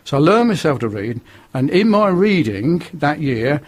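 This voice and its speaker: A high-leaning voice with big swings in pitch carries this older northern Englishman's earnest life story. He speaks at a moderate pace as a radio interview guest.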